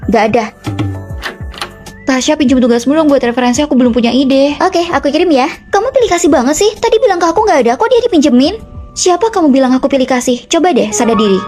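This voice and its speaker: A young woman dubbing several college dorm roommates in a short drama, trading quick, bickering lines and switching between characters. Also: high voice, lively intonation, a little mellow, soft background music. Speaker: voice actor.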